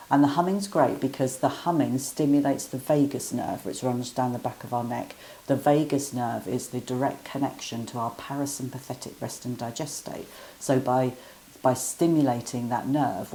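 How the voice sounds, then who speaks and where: Woman breathwork teacher, very low-pitched, warm mellow tone, gentle encouraging step-by-step guidance. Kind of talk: guided breathing instruction.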